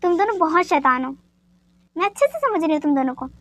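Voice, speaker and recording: A woman playing a gentle pregnant young woman. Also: very high voice, very animated, quick pace, exaggerated voice. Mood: affectionate. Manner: soothing, affectionate.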